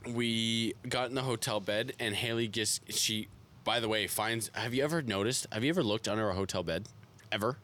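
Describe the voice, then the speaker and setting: A young man co-hosts a casual podcast with a fairly low voice. He tells stories slowly and jokes along with his co-host. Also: pushed and bright, slight background noise. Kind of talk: casual chat.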